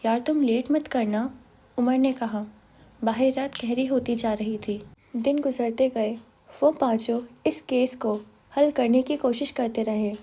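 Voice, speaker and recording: A woman narrating a novel in a steady, measured way. Her voice sits high, with a mellow, soft tone. She reads evenly from line to line. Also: husky. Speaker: audiobook narrator. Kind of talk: novel reading.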